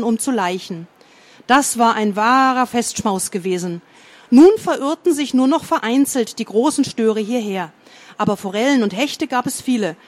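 Brief: woman narrator, steady storybook reading, even tone, a bit high-pitched. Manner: calm, steady narration with small slips.

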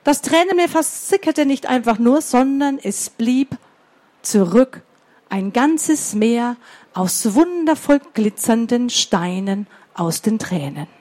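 Slow, high-voiced woman telling children a story. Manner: slow, expressive, asks the children questions. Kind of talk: reading a story aloud to children.

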